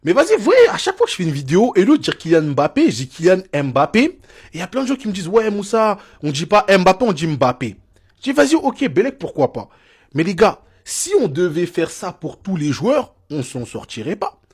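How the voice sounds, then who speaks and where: A man's voice: sits high, huge pitch swings, a little fast, husky. A man ranting casually to his viewers, firing rhetorical questions and mimicking how others pronounce names. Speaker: football commentator. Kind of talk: animated casual rant to camera.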